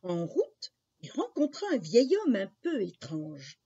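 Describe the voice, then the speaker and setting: A woman narrating a children's fairy tale in an expressive, unhurried storybook style. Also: mid-range voice, husky. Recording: dull lo-fi recording.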